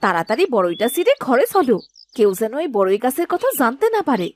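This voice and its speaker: A woman voicing a poor, sharp-tongued village wife in a cartoon, scolding and sarcastic in manner. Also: on the high side, sing-song, quick pace, a little hiss or hum. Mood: excited. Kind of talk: cartoon voice acting.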